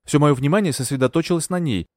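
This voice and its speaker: A man narrating an audiobook in an expressive storytelling manner. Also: a little high, fast talker, dry recording, studio quality. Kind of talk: scripted narration.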